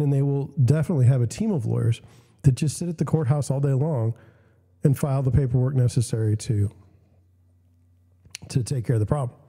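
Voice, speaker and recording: A man's voice: medium pitch, warm tone, big-room sound. A young man with a scratchy voice and a cough, hosting casual commentary, reading out news and questions and giving blunt opinions with frequent restarts. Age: young adult. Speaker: host.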